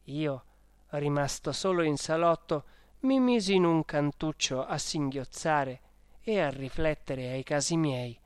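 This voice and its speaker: A storybook reader telling a diary tale in the first person, with a slow and measured delivery. The voice is mid-pitched and recorded close, with a dry sound and no room echo. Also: clean tone. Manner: slow, measured, even reading. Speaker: audiobook reader.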